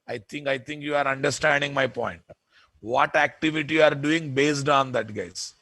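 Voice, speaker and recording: A man with a Telugu Indian accent teaching software in an informal lecture, repeating points emphatically and often checking with listeners. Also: medium pitch, moderate pace, no echo. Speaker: programming instructor.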